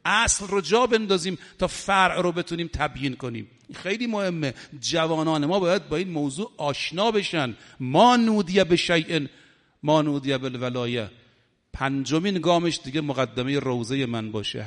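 Man preaching a sermon, fairly high voice, rhetorical and fervent, long hall reverb. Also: a bit bright. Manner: rhetorical, builds to fervent high-pitched peaks. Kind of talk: religious sermon with mourning recitation.

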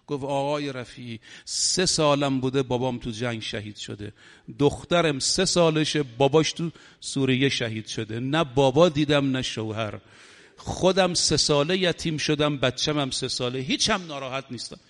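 A man preaching a religious sermon, rhetorical, building to fervent peaks before a mourning recitation. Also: mid-range voice. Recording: long hall reverb.

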